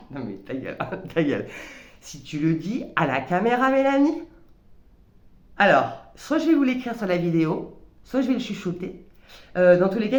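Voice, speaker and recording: A woman talks reflectively in a personal vlog at a mid pitch. She hesitates often and restarts her sentences with stammered repeats. Her voice rings with a roomy echo. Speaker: vlogger.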